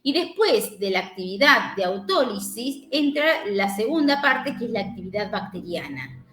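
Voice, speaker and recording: A woman's voice: medium pitch, sing-song, normal speed, fairly bright tone. A woman from the River Plate region giving a university lecture, explaining step by step, with many fillers and tag questions. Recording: echoey room.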